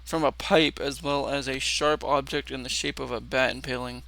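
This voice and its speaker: Speaking at normal speed with fairly even intonation, a man reads aloud and comments for a laid-back reaction video, tripping over words, repeating himself and cursing. A loud background rumble makes the audio clearly noisy.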